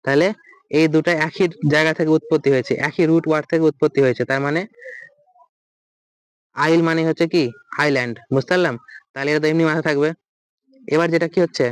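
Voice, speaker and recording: A man's voice: a little high, fairly even intonation, fast, pauses often, smooth, dry recording, poor audio. A man with a Bengali accent teaching an exam-prep vocabulary lesson, asking questions and answering them himself. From West Bengal, India.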